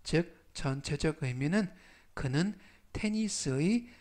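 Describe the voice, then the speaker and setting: A man teaches English words in a scripted lesson. He talks slowly and carefully, saying each word three times. His voice sits a little high for a man. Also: expressive, a little mellow.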